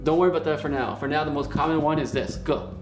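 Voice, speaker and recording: A man with a rather high voice and fairly even intonation teaches beginners Mandarin at a whiteboard, speaking over music. He stays cheerful and encouraging, often checking in with "okay?" and slowly repeating words.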